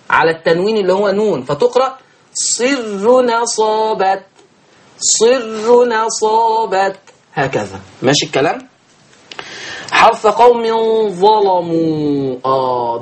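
A man with an Egyptian accent teaching Quran recitation rules, asking and answering his own questions and drawing out chanted examples. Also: high voice. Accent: Egyptian Arabic. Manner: slow drawn-out chanted examples. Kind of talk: teaching tajweed.

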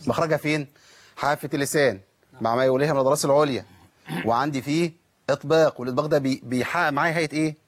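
A man's voice: fairly high pitch, racing. A man with an Egyptian accent teaching Quran recitation in a televised lesson, patiently modeling and correcting pronunciation. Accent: Egyptian Arabic.

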